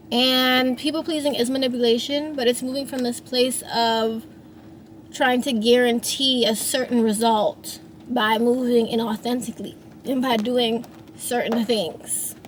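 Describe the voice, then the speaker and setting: This woman, a singer and songwriter in her thirties, reflects aloud on her feelings, rambling with frequent restarts and fillers. She speaks a little slowly in a slightly high, steady tone, over a faint hiss or hum.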